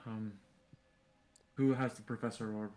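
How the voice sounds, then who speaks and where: A man playing in a tabletop game, talking in halting bursts with many fillers and the odd curse. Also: fairly low pitch, steady tone, mellow. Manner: halting, lots of fillers and restarts, swearing. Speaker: player. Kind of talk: casual tabletop game chat.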